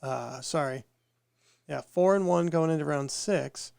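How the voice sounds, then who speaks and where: A man's voice: on the high side, measured pace, gravelly, darkish tone, clean tone, no room sound, clean studio sound. A man co-hosting a podcast, talking casually and rambling, his voice nasal from a cold. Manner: rambling, repeats words as he thinks. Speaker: podcast co-host. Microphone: podcast microphone with headphones.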